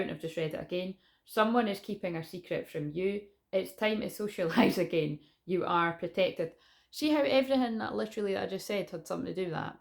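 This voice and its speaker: A woman's voice: on the low side, vocal fry. A British woman chatting candidly and informally as a psychic reader, with casual swearing. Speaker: psychic tarot reader and online host. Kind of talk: informal spiritual vlog chat.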